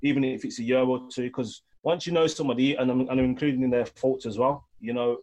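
Brief: quick, easygoing man in his 30s, podcast guest, relaxed conversational delivery. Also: medium pitch. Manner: quick, laid-back, gives advice with slang fillers. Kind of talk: casual chat.

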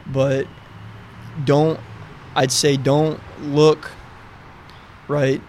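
A man's voice: on the high side, little pitch movement, drawn-out words, a little mellow, a little hiss or hum. A man chatting informally about faith, in loose sentences that keep checking the listener follows. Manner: informal, loosely structured, peppered with "like", "right" and "you know". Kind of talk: casual faith discussion.

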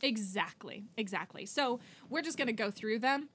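A woman with a slightly high voice co-hosts a relaxed podcast, gushing over favorite film scenes. She laughs often and talks with easy enthusiasm. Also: normal speed, breathy edge. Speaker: podcast co-host. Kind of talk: casual chat about a film.

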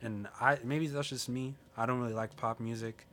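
A young man guesting on a podcast, talking casually and haltingly about music. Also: mid-range voice, steady tone, fairly bright tone, slight background noise. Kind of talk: casual chat.

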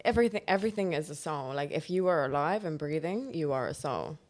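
A woman's voice: sits low, expressive, quick pace, darkish tone. A young woman, a podcast guest who talks earnestly about spirituality and swears casually. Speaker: podcast guest, holistic healer.

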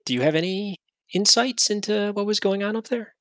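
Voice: medium pitch, a little fast, a bit bright, no room sound, voice pushed up, natural voice. A game master voicing a friendly, helpful woman shopkeeper who asks kind questions. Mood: earnest.

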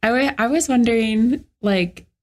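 A woman's voice: on the high side, measured pace. A woman co-hosting a podcast in casual chat, giggling often between her remarks. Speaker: podcast co-host.

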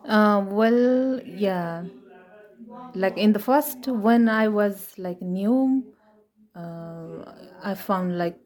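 A woman's voice: medium pitch, extremely slow, a little mellow. A woman in her twenties from Nepal, an English speaker, answering interview questions hesitantly with many fillers and restarts. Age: 20s. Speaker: interview guest. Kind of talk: casual interview.

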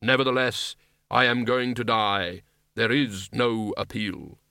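A man voicing Death, an ancient, solemn and literal male reaper, speaking slowly and gravely in an audiobook reading. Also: medium pitch, fairly even intonation, sharp tone, dry recording, clean studio sound, heavily acted. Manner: slow, measured, grave delivery.

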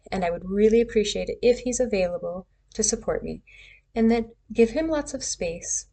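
A woman speaks at an unhurried, deliberate pace in a medium-pitched voice. She offers gentle, casual advice straight to the camera, often stopping to restart a phrase. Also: husky. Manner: gentle, slow, with many restarts. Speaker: relationship advice vlogger.

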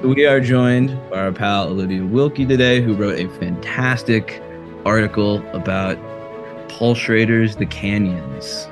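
A man's voice: fairly low pitch, unhurried, over music. A man co-hosting a casual film podcast, loose and jokey, swearing and laughing as he talks. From American Midwest. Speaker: podcast co-host.

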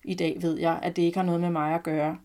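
Woman narrator, low voice, calm and reflective first-person story reading.

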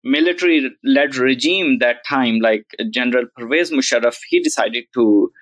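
A man's voice: mid-range voice, normal speed, a bit bright, no echo, rough recording. Earnest man, podcast guest, tag questions, dry, middle voice. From Pakistan. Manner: earnest, reflective, frequent "like" and "right?". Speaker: guest, journalism professor. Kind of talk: podcast interview storytelling.

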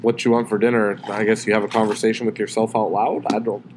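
A man's voice: lowish voice, level tone, quick pace, background noise. A man hosting a podcast, chatting casually and rambling with lots of likes and restarts. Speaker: podcast host.

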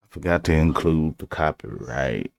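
An extremely low-voiced man with heavy creak chats informally. He rambles along in an unscripted way, circling back over his own phrases. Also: animated, moderate pace, darkish tone, no room sound. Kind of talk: casual off-the-cuff talk.

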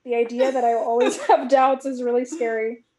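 Woman in her thirties, fairly high and mellow, reflective journal reading with lots of "like" fillers. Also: level tone, fairly quick. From California. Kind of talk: casual chat, reading aloud from old journals.

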